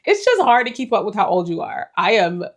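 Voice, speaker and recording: This forties-aged vlogger sounds very animated and brisk, with a medium-pitched voice. Her life update is casual and wandering, spoken directly to viewers, thoughtful and dotted with small laughs.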